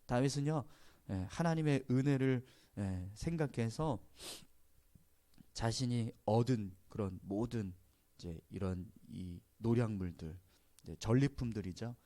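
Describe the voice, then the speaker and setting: A man's voice: mid-range voice, measured pace, mellow. A male pastor giving an early morning sermon in a conversational, storytelling way, often dropping in short affirming interjections.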